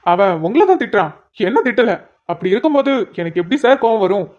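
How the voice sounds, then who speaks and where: A woman's voice: medium pitch, expressive, fast, a little mellow, lightly acted. Woman doing a cocky male police officer, teasing banter, mid-range voice, lo-fi audio. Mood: mocking. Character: male police officer, mocking and self-assured. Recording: dull lo-fi audio.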